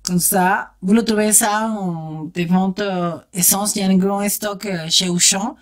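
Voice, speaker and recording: Her tone steady and her pace measured, a beauty vlogger talks directly to her audience while doing her makeup, chatting casually and exclaiming with enthusiasm. The voice is medium in pitch.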